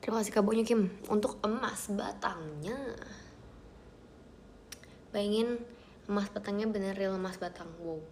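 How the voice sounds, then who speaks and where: A young woman hosting a casual livestream from home, chatting with viewers, thanking them and often dropping into soft whispers. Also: mid-range voice, normal speed, pauses often, a little hiss or hum. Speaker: idol livestream host. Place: at home, outside her bedroom.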